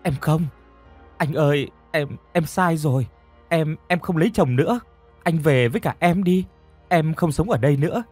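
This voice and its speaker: A man voicing a terrified young woman who pleads and stammers in a high put-on voice. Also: normal speed, darkish tone, soft background music, close to an everyday voice. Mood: pleading. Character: terrified young woman begging for her life.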